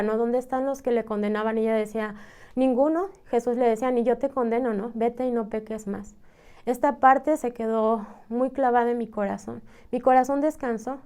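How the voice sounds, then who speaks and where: A woman's voice: a little high, mellow, clear, resonant tone. A woman with a Mexican Spanish accent giving an earnest, emotional personal testimony, often adding "¿no?" and "este" as fillers. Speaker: church member giving testimony.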